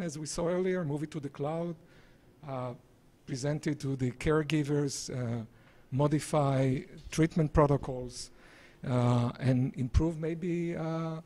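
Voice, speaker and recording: A man in his sixties giving a live project presentation on a handheld microphone, speaking haltingly in broken-up phrases. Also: a little high, dark tone. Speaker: presenter, visiting scientist and entrepreneur. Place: small indoor presentation room. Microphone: handheld microphone, held at varying distance.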